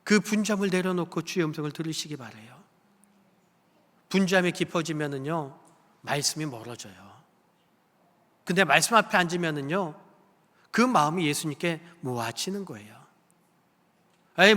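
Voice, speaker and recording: A man's voice: fairly high pitch, animated, normal speed, pauses often, pushed and bright. A male pastor preaching a sermon with emphasis, putting questions to the congregation. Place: church sanctuary. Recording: long church hall reverb.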